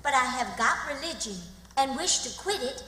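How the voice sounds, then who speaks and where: Woman acting a high, breathless, excitable Southern aunt. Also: moderate pace. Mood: dramatic reading. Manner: breathless, dramatic. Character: excitable, bossy, fretful country aunt. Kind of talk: radio theatre acting. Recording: echoey hall, faint noise.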